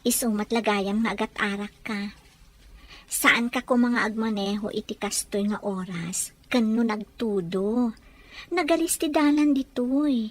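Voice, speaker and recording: A woman with an Ilocano accent playing an affectionate young bride-to-be, who fusses sweetly and talks playfully. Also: on the high side. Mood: worried. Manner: sweet, fussing, quick and playful.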